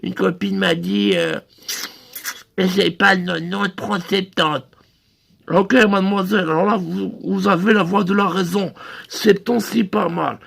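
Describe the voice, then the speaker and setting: Gravelly high-voiced man doing crude sales patter. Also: steady tone, a little slow, a bit bright. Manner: rambling, crude salesman patter full of hesitations. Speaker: sex-shop phone receptionist character. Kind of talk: comic phone sketch monologue.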